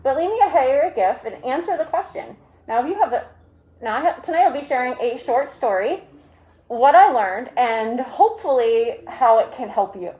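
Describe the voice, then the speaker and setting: A woman's voice: high-pitched, animated, normal speed, warm tone, muffled recording. A woman hosting a casual live video chat through a mask and face shield, rambling along with jokey asides. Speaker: livestream host.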